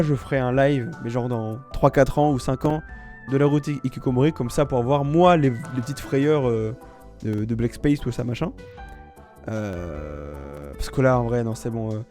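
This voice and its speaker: Rambling streamer man, mellow voice. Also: mid-range voice. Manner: rambling, slangy, restarts often. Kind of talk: casual live reaction stream.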